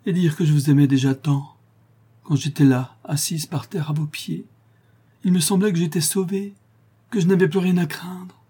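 A man's voice: fairly high pitch, fairly even intonation, fairly quick, mellow, husky, pitched above the performer's own voice. A man voicing a tearful young woman prisoner who is expecting a child, pleading and sobbing with fierce pride. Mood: heartbroken.

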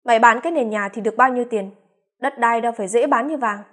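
A woman reading the part of a wise older eldest brother, speaking slowly and in measured tones. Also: very high-pitched, sharp tone, heavily acted. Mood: firm. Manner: slow, measured lecturing.

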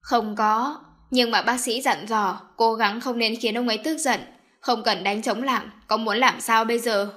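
A woman's voice: on the high side, fairly even intonation, a little slow, a bit bright. A woman voicing a strong-willed anxious mother. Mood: firm.

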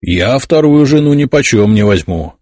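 A man's voice: mid-range voice, animated, moderate pace, a little mellow, no echo, clean studio sound, voice pushed up, natural voice. A man voicing a blunt, crude king who grumbles in a folksy way. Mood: grumbling.

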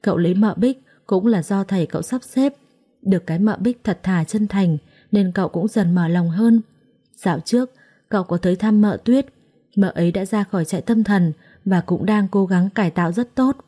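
A woman, narrating a scripted story in a gentle, measured way. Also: medium pitch, breathy edge.

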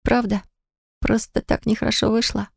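A woman's voice: a little high, little pitch movement, normal speed, gravelly, breathy edge, no echo, clean studio sound, pitched above the performer's own voice, full character voice. A woman reading an audiobook, voicing a young woman who has just given birth, emotional, tearful and apologetic.

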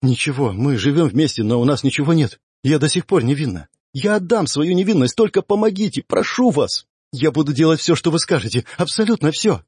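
A man's voice: fairly high pitch, lively intonation, a little fast, darkish tone, husky, dry recording, voice pushed up. A man voicing a desperate young woman who begs for help in an urgent, pleading way, in an audiobook. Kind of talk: audiobook character voice.

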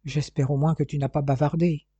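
A man reading an audiobook, voicing a bitter, scornful older male gem dealer who talks sarcastically and forcefully. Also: on the high side, little pitch movement, a little fast, husky, no room sound, lo-fi sound.

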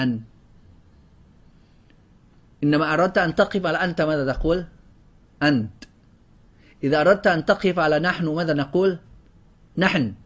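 A man teaching a grammar lesson to a class, drilling word lists and quizzing students with questions. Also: on the high side. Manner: often breaks off and restarts words.

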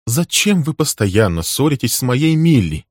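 A man voicing a carefree middle-aged businessman who talks in a bright, laughing tone. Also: mid-range voice, big pitch swings, normal speed, breathy edge, no echo, studio quality, pitched above the performer's own voice. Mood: jovial.

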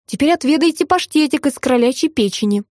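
Voiced by a woman narrator, a fussy middle-aged hostess spills her sugary, breathless gush in a raised, lively voice. Every dish gets a cooing pet name. The sound is close and dry, with no room around it. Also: high-pitched, a little fast, no echo, pitched above the performer's own voice. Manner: sugary, breathless, full of pet-form words.

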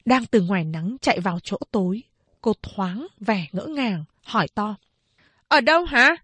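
A woman narrating a novel as an audiobook in a lively, expressive reading style, close to the mic. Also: medium pitch, moderate pace, breathy edge, dry recording. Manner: lively, acts out scenes as she reads.

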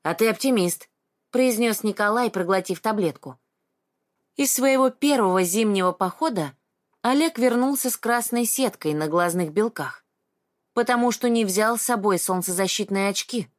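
A woman narrating an audiobook in a calm, even storytelling manner. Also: mid-range voice, moderate pace, dry recording, clean studio sound.

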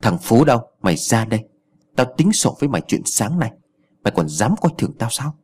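An arrogant old village chief snarls threats and insults, voiced by a man reading a storybook. The voice is husky and low, and it lurches up and down with wide swings. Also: sing-song, fast, a little mellow. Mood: furious.

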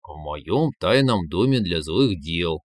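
A man voicing Koschei, a sly, lazy male villain who drawls his lines low and slow. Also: animated, dry recording, clean studio sound.

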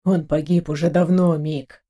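A woman reading an audiobook, voicing a grim male security officer who talks low and clipped. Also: moderate pace, mellow, lightly acted. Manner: low, clipped, through the teeth.

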